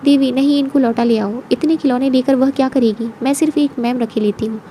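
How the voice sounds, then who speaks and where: A woman voicing a proud housewife, kind but quick to take offence. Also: high-pitched, fairly even intonation, a little hiss or hum, lightly acted. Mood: kindly. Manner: firm, sharp when insulted.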